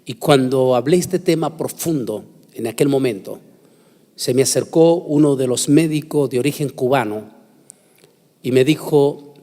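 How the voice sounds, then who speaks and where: With a warm, medium-pitched voice, a preacher gives a conference talk mixing sermon, scripture reading and prayer. He speaks solemnly and emphatically, choosing his phrasing deliberately, to a congregation in a large hall whose echo leaves a long reverb.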